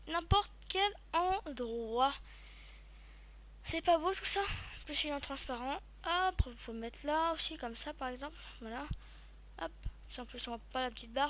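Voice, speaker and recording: A woman giving a casual, chatty step-by-step software tutorial, talking loosely with lots of fillers. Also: high-pitched. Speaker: tutorial YouTuber.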